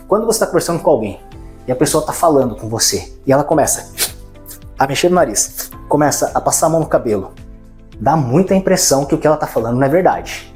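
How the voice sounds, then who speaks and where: Man, course instructor, lively swooping intonation, casual and demonstrative, faint music behind. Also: fairly high pitch. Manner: colloquial, demonstrative, addresses the viewer directly. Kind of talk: online course lesson.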